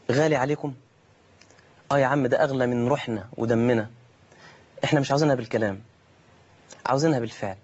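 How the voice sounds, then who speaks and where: Fast-talking Egyptian preacher man. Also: mid-range voice. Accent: Egyptian Arabic. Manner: rhetorical questions, voices imagined listeners' objections. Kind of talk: colloquial sermon. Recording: dull lo-fi recording.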